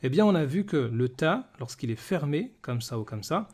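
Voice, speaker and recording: A man teaching a beginners' reading lesson, patiently repeating each word slowly and checking understanding with frequent questions. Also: fairly high pitch, very animated, a little mellow, husky.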